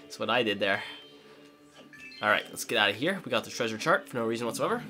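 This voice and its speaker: Bright-voiced man chatting over gameplay. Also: fairly low pitch, sing-song, quick pace, soft background music. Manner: jokey, chatty, rambling with many "like"s. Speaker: let's play co-host. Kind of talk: casual gameplay chat.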